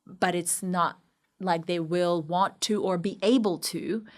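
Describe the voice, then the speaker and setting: A woman from Karachi, Pakistan, appears as a podcast guest in a candid interview, sharing her personal story reflectively, emphatically and articulately. Her voice is lowish, with fairly even intonation and a slow pace.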